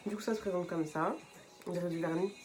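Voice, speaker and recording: A woman's voice: lowish voice, fairly even intonation, quick pace, a little mellow, faint music behind. A young woman hosting a casual makeup tutorial vlog, chatting and explaining each step with frequent fillers. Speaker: beauty vlogger.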